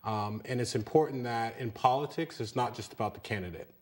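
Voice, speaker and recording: A man in his thirties, a union leader, speaks earnestly as a guest in a TV studio interview. His medium-pitched voice is brisk, and he repeats words when he wants emphasis. The setting is a small TV studio.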